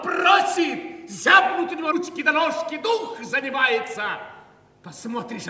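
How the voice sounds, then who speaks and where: In an audio play, an actor voices an anguished poor man mourning a starving beggar child, delivering a passionate theatrical monologue that swings from hushed words to cries. His voice is very high-pitched and heavily acted. The mic is distant in an echoey hall, with music playing behind him.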